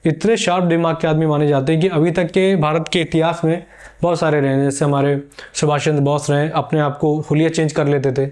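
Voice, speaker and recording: A man's voice: fairly high pitch, a little mellow. A man teaching a history lesson for exam preparation, telling it as a story and answering viewers' questions.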